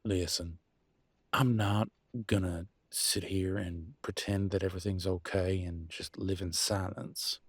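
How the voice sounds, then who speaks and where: For a dramatic one-sided relationship roleplay, a man voices a deep-voiced werewolf pack leader and husband who is weary and embittered. He speaks folksily and colloquially, with sarcasm, deliberate pauses, fairly even intonation and a breathy edge, fully in character. The audio is close and dry, without room sound.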